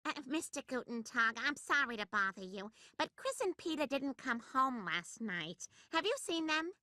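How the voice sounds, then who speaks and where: An actress playing a polite, concerned suburban wife and mother in an animated sitcom, with a nasal voice. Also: sits high, moderate pace, no echo, clean studio sound. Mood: polite, worried.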